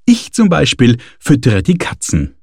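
A man voicing an excitable, eager young woman who pushes her friends along in a story reading. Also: medium pitch, unhurried, gravelly, breathy edge, no echo, studio quality, voice pushed up, exaggerated voice. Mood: reassuring.

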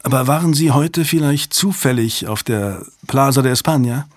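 A man's voice: medium pitch, normal speed, no echo, studio quality, voice pushed up, close to an everyday voice. A male audiobook reader voicing a courteous young man who asks questions apologetically. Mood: polite. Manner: politely apologetic.

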